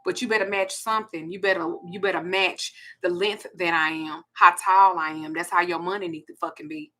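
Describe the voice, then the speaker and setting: A woman's voice: on the low side, fairly even intonation, fairly quick, sharp tone. A woman, hosting a blunt, profane ranting monologue. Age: 40s. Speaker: host.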